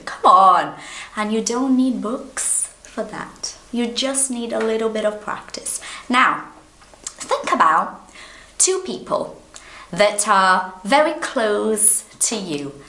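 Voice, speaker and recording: A woman's voice: mid-range voice, fairly bright tone. A woman in her thirties from Brazil, a native Portuguese speaker, giving an online English lesson in a patient, encouraging way, talking straight to the viewer. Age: 30s. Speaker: English teacher. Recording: echoey room.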